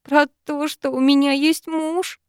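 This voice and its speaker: A woman voicing a tearful frightened young woman, high and pleading. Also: level tone, unhurried, darkish tone, no echo, studio quality.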